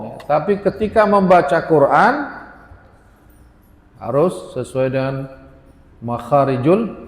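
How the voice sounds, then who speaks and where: Guy giving a quran lesson, slow and deliberate, lots of room echo. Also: a little high. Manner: chants Arabic verses, then explains with frequent "ya". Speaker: Quran study teacher. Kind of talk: religious lesson on Quran recitation. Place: prayer room. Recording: echoey prayer hall.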